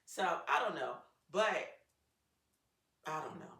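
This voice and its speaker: A middle-aged woman co-hosting a podcast, chatting casually and telling lively stories about her grown children, often laughing. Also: lowish voice, slow. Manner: animated storyteller, laughs often. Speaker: podcast co-host. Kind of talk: casual chat. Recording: echoey room, mic at a distance.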